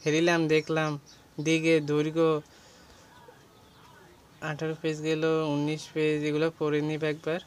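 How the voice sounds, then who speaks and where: A man's voice: a little high, completely flat delivery, unhurried, long pauses, slight background noise. A young man teaching an exam-preparation lesson, going page by page through a textbook and listing words with their meanings.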